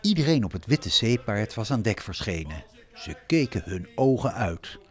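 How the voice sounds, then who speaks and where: A man narrating a children's story in a slow, expressive storytelling way. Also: on the low side.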